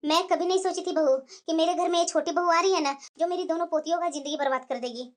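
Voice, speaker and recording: Voicing an old grandmother, a woman speaks in a very high-pitched, fairly even voice at a quick pace. The character is an older, worried, complaining mother-in-law, and the delivery is lamenting and plaintive.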